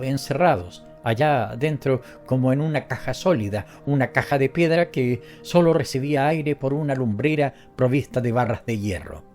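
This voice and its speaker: A man narrating a story as an audiobook reader, in a steady, measured way. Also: medium pitch.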